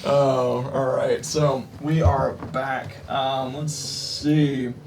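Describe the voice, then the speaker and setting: A man's voice: mid-range voice, flat delivery, very slow, creaky, a little mellow, far from the mic, a little hiss or hum. A man narrating as game master in a chatty, easygoing way, laughing easily and often restarting his sentences. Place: home streaming setup.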